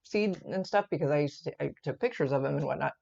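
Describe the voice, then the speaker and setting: A woman's voice: low-pitched, quick pace, gravelly, a little mellow, highs cut off. A woman co-hosting a gardening live stream, chatting in an upbeat way and reading out viewer comments.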